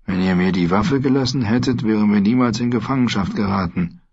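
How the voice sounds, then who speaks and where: A proud, cynical captive knight speaks in a dry, sardonic tone, quiet and low, as a male narrator plays him. The voice is husky, and the recording is dull and lo-fi. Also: fairly quick.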